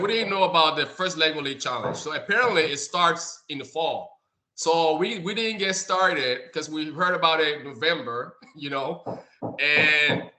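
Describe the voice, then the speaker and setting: Speaking over a video call, a Liberian adult man who co-founded and directs a nonprofit addresses an online community call. His voice has a fairly high pitch and sharp tone, and he often repeats words as he hunts for the right ones.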